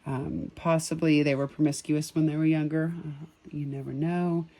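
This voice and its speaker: A sketch artist and empathic reader chatting casually outdoors on a spring evening, musing about a drawing with many ums and soft chuckles. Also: mid-range voice, flat delivery, normal speed.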